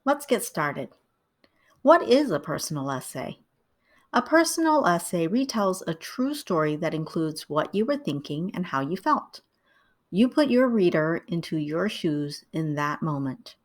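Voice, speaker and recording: A middle-aged writing tutor, born in Vietnam and raised in the United States, reads scripted instructional narration. Her lowish voice stays calm and measured.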